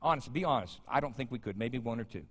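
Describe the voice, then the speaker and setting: A man's voice: medium pitch, animated, fast, a bit bright, husky. A man in his fifties preaching a sermon as pastor, conversational and joking with the congregation. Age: 50s. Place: large church sanctuary. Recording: church sanctuary with long reverb.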